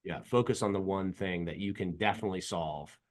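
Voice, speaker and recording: A man's voice: sits low, a little fast, darkish tone. A man with a Californian accent, hosting a podcast in a casual, enthusiastic, rambling way. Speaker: podcast host. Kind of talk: casual interview talk.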